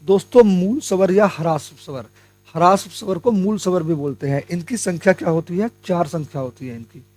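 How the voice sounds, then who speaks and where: Young guy teaching hindi grammar, fairly high voice, asks questions then answers them himself, calls everyone friends. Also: normal speed, a little mellow, faint music behind. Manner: explains step by step, asks and answers his own questions; addresses viewers as friends. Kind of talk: exam-prep lesson.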